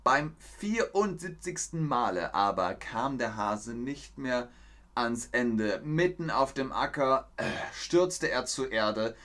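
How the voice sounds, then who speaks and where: Slow, deliberate male storyteller. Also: medium pitch, lively intonation, fairly bright tone. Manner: slow and deliberate, explains words, reads chat greetings. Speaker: German teacher reading a fairy tale to a live-stream chat. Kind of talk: slow storytelling lesson with chat replies.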